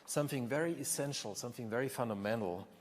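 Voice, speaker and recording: A man moderating a panel discussion, asking measured questions and repeating words as he goes. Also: medium pitch. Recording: reverberant hall recording.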